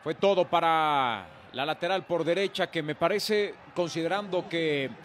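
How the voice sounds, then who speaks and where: A man with a Mexican accent doing play-by-play football commentary, with emphatic, excited goal calls. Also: fairly high pitch, unhurried. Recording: clear stadium noise behind commentary.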